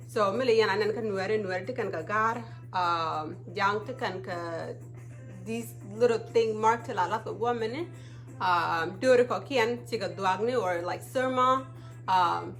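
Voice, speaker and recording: A woman's voice: medium pitch, a bit bright. A woman from Ethiopia, hosting a casual live stream and often checking in with her viewers. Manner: chatty, often checks in with "okay?". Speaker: livestream talk show host.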